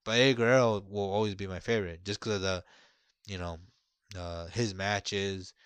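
A man in casual conversation, telling stories in a relaxed, rambling way with lots of fillers. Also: fairly low pitch, normal speed, smooth, no room sound. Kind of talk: casual chat.

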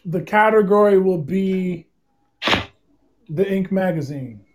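A man's voice: high voice, slow, a little mellow, a little hiss or hum. A man taking part as a contestant in an online poetry trivia game, giving brief easygoing replies. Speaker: contestant poet. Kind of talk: casual game show chat.

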